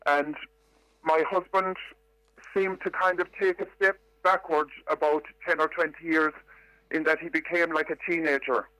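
An older Irish woman calling in to a radio show, her voice disguised by a pitch-altering distortion, telling her story in a measured, reflective way with hesitations. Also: fairly even intonation, sharp tone, no room sound. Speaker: caller. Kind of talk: phone-in radio call.

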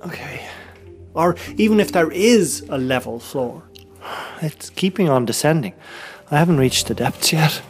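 A man presenting a radio documentary, crawling down a dark underground cave passage and talking into a handheld microphone. He murmurs and sometimes whispers, and his voice has a close, boxed-in cave echo. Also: on the high side, expressive, measured pace, faint music behind. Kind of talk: hushed first-person exploration narration.

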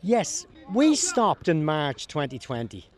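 A man's voice: a little high, wildly swooping pitch, takes it slowly, over music, crowd noise. A man with an Irish accent who organises a walking football group, answering interview questions in an earnest, plain-spoken way.

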